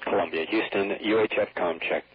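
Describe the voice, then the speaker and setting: Deep husky man on a mission radio loop. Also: a little fast. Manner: calm, clipped, repeating call signs. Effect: radio transmission over a mission voice loop. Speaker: mission control radio communicator. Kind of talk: terse radio call-outs. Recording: muffled lo-fi archival radio.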